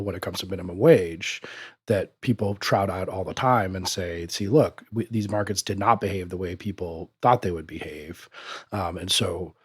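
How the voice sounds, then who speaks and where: A man's voice: lowish voice, husky, no echo, clean studio sound. A man hosting a podcast, asking long, hesitant questions full of restarts. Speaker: podcast host. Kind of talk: interview questions.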